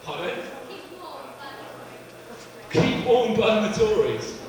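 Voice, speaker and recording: Young man, stand-up comic, sardonic and rambling, long hall reverb, loud room. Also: high-pitched, very animated, extremely slow. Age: 20s. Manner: sardonic, rambling, bursts into shouting. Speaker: stand-up comedian. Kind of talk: live stand-up set. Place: live comedy venue. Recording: echoey hall from far off, crowd.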